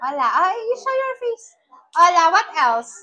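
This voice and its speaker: A woman's voice: extremely high pitch, very animated, a little slow, sharp tone. A woman vlogger with an Ilocano accent, chatting playfully to the camera and teasing small children at a village gathering. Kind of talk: casual vlog chat mixing languages.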